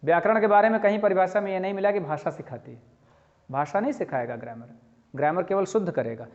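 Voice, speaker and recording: A man teaching a lively lesson, explaining with spoken examples and asking his students questions as he goes. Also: high voice, quick pace. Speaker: English teacher. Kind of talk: classroom-style lecture. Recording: dull lo-fi sound with long reverb.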